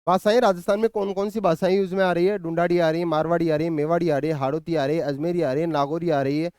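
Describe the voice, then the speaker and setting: A man's voice: on the high side, level tone, fast talker, darkish tone, clean tone, no echo, clean studio sound. A male coaching teacher walking students through an exam syllabus, explaining patiently and often checking in with them. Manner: thinks aloud with hesitant fillers and restarts. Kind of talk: syllabus walkthrough lecture.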